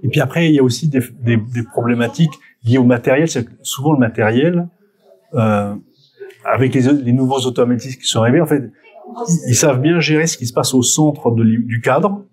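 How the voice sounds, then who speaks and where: This mid-range, slightly mellow male voice belongs to a middle-aged Frenchman, a photographer answering interview questions off the cuff while reminiscing. He talks a little fast, hesitates, corrects himself, and often repeats words.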